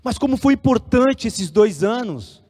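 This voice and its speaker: Paulista pastor guy telling his story in a sermon, really high voice, big echoey church. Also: unhurried. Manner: animated storytelling, acting out dialogue. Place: church hall. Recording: long church hall reverb.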